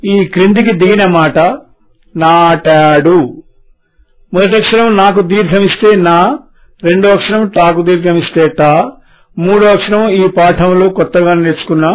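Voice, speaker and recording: A man teaching a beginners' reading lesson, spelling words syllable by syllable and stretching them out slowly. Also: high-pitched, fairly even intonation, poor audio.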